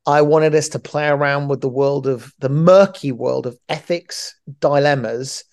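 A middle-aged man co-hosts a podcast in a mid-range, darkish voice at a measured pace. He chats casually, rambling and joking, and frequently restarts his phrases.

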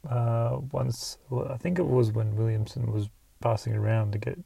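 A man co-hosting a casual movie chat, playful and teasing, with quick interjections. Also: mid-range voice, steady tone, gravelly, warm tone, husky, dry recording, distant mic. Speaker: podcast co-host. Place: in a car.

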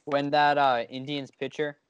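A man's voice: a little high, little pitch movement, moderate pace, clean tone, highs cut off. A man chatting casually about sports as a podcast co-host.

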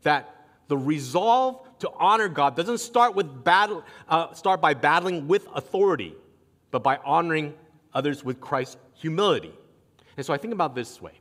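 Lively male pastor in a reverberant hall. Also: on the high side, normal speed. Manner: animated storytelling, acting out quotes. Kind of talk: sermon. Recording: long reverb of a large hall.

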